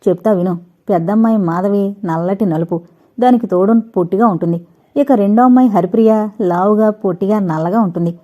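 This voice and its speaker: A woman's voice: medium pitch, brisk, phone-quality sound, close to an everyday voice. A woman voicing a playful, scheming young man who teases and boasts, in an audiobook reading. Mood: teasing.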